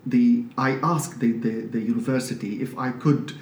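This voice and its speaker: A man from Syria with a Syrian accent, a priest talking as an interview guest in a measured, explanatory way with frequent restarts. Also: mid-range voice, steady tone. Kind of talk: conversational interview. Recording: roomy, slightly distant mic with faint noise.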